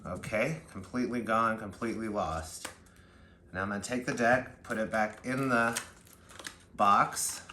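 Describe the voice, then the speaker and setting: A man's voice: on the low side, unhurried, bright, forceful tone. A man giving casual card magician patter, talking the viewer through a trick step by step. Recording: roomy echo, faint background noise.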